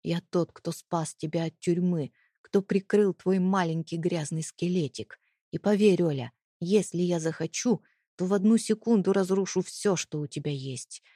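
A woman voicing a cold, threatening husband in an audiobook, speaking in low hissed threats. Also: moderate pace, dark tone, dry recording, studio quality, lightly acted. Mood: menacing.

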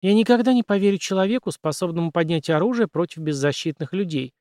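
A man voicing a quick-tempered young woman who speaks bluntly and challenges others. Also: high voice, darkish tone, dry recording, studio quality, voice pushed up, natural voice. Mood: challenging.

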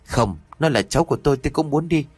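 A man's voice: on the high side, expressive, fast, a little mellow, husky, dry recording, pitched above the performer's own voice. A man voicing a worried, stubborn older grandmother in an audio story, speaking anxiously and insistently in a raised voice.

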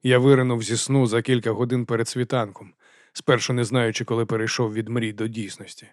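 A man narrating a first-person fantasy audiobook in a measured, quiet storytelling voice. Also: medium pitch, level tone, no room sound, clean studio sound.

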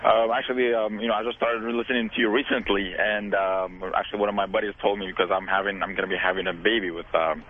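A man's voice: on the low side, flat delivery, quick pace, hardly any pauses, slight background noise. A man, calling into a radio show, hesitant and full of fillers. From Syria. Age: 20s. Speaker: caller. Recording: tinny phone line.

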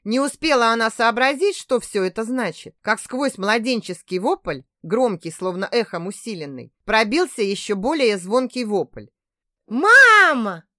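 A woman narrates a novel in a measured, expressive reading. Her voice sits fairly high and moves a lot in pitch. The recording is dry and close. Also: dry recording. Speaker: audiobook narrator. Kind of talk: scripted narration.

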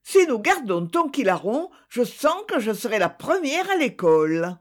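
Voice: medium pitch, big pitch swings, normal speed, voice pushed up. A storyteller voicing a clever little farm girl who pleads eagerly to keep her donkey. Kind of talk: storybook reading.

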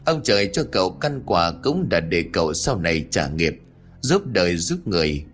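A man voicing a calm older male monk master who speaks in a measured, instructive way, in an audiobook ghost story. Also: sits low, soft background music. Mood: steady.

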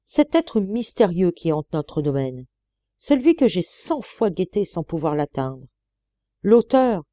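A woman's voice: fairly high pitch, sing-song, moderate pace, warm tone, no echo, voice pushed up. A woman voicing an urgent young miner. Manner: urgent, emphatic exclamations. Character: excited young male miner.

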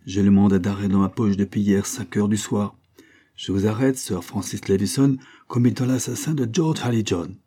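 A man's voice: fairly low pitch, moderate pace, mellow, close to an everyday voice. A man voicing a courteous but firm police officer in an audiobook reading. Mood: polite firm.

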